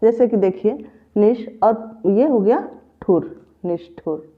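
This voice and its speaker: A woman's voice: on the high side, slow pace. A woman teaching a grammar lesson for exam preparation, patiently repeating each example step by step. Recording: tinny phone-like audio.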